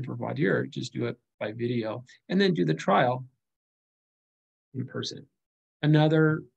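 A man's voice: medium pitch, creaky, slightly rough, low-quality recording. A middle-aged man giving a recorded slide lecture on legal studies, speaking conversationally with frequent fillers and restarts.

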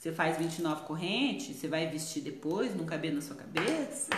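Chatty Brazilian crochet teacher. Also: female voice, low-pitched, lively intonation, normal speed, roomy sound, noisy background. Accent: Brazilian Portuguese. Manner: chatty, laughs often, exclaims "ai, gente". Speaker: crochet teacher hosting a live stream. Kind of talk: chatty live crochet tutorial. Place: her craft shop.

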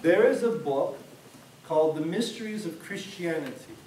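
A man's voice: fairly high pitch, lively intonation, normal speed, a little mellow, slight background noise. A middle-aged man, a priest, teaching a class in a conversational, rambling way with frequent restarts. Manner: conversational, discursive, many restarts. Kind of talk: informal classroom lecture. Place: church hall classroom. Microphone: far camera. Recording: echoey room from far off.

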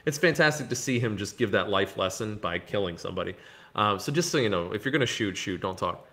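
A man hosting a casual podcast, telling stories in an animated way and acting out the scenes he describes. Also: fairly low pitch, quick pace. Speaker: podcast host. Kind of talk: casual movie-talk podcast chat.

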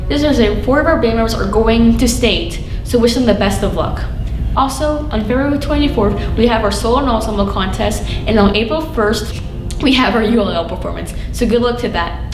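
A woman's voice: fairly high pitch, brisk, reverberant, recorded from a distance, over music, low-quality recording. A teenage girl giving a band update on a school news show, cheerful and announcing. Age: teens. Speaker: student band reporter.

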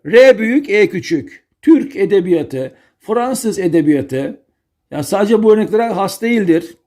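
Male teacher from Denizli, lively and playful, spelling rules out word by word. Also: sits high. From Turkey, Denizli. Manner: playful, repeats key words and spells out rules. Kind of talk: online grammar lesson.

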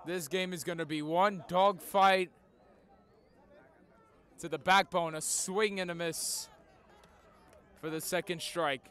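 A man doing live play-by-play baseball commentary outdoors like a radio announcer, with drawn-out, emphatic calls. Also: high-pitched, fairly even intonation, a bit bright, clear, resonant tone. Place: outdoors at a school baseball field.

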